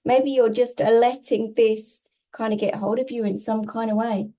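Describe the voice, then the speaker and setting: A woman's voice: on the high side, steady tone, moderate pace, dark tone. A woman tarot reader giving casual spiritual guidance, reassuring and emphatic, often repeating herself in short phrases.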